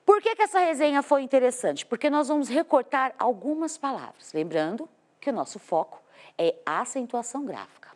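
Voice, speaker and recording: A woman's voice: high-pitched, sing-song, fairly quick, a little mellow. A Brazilian Portuguese-accented woman teaching a class from a TV studio, explaining step by step and asking the students questions. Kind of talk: televised classroom lesson. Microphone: studio microphone.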